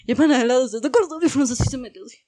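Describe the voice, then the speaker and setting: A woman's voice: sits high, racing. A young woman with an Ecuadorian accent, co-hosting a casual chat and telling a story with laughter, acting out what others said. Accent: Ecuadorian Spanish. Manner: laughing, animated, acts out quotes. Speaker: podcast co-host.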